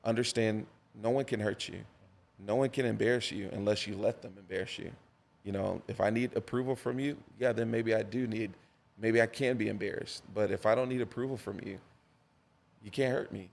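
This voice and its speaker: Gravelly-voiced man telling a preacher's story. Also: on the low side, a little fast. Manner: animated storyteller, preacher's cadence, repeats for emphasis. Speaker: pastor and podcast guest. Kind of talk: conversational storytelling interview.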